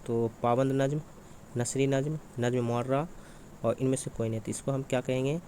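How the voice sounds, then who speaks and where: A man runs through exam preparation, repeatedly posing questions and answering them himself. His mid-range voice is fairly quick, dark in tone and fairly even in intonation, with slight background noise behind it.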